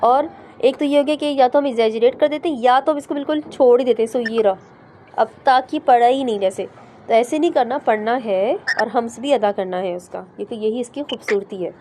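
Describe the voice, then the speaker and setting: A woman with a fairly high, mellow voice teaches recitation in a class. She explains each letter patiently, step by step, and slowly sounds out the syllables for her students to repeat. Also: a little hiss or hum. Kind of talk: online class explaining pronunciation.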